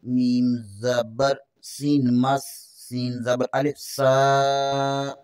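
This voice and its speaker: A man teaching Quran recitation with tajweed, spelling out the verses letter by letter and chanting them slowly. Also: mid-range voice, completely flat delivery, darkish tone, clear, resonant tone, no room sound. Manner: slow drawn-out recitation between brisk explanations.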